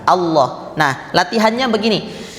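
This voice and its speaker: Guy teaching quran reading, goes real slow, repeats every sound, roomy mosque echo. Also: high-pitched, lively intonation, a bit bright. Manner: patient, repeats sounds and drills students. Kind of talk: slow step-by-step recitation lesson. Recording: echoey room with long reverb.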